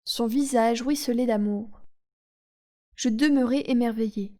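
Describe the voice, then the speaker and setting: Calm woman reading an audiobook. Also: a little high, unhurried. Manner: calm, soothing. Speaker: audiobook reader.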